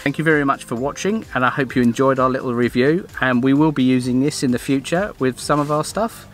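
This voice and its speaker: Middle-aged man, casual review vlogger, mid pitch, loose and rambling, music bed behind. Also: fairly quick. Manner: rambling, restarts often, plain and friendly. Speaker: vlogger reviewing a dash cam.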